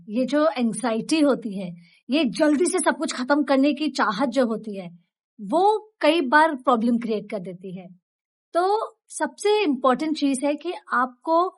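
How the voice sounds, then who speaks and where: A woman speaking as an acting coach in a casual vlog, calm, deliberate and reassuring. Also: high voice. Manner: encouraging, reassuring.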